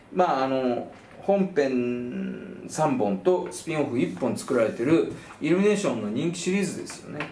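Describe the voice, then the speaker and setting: A man hosting casual film talk, animated and jokey, whose own everyday speech is Kansai dialect. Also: reverberant, a little hiss or hum. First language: Kansai dialect speaker. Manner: animated, jokey, lively pitch swings. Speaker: film commentary host.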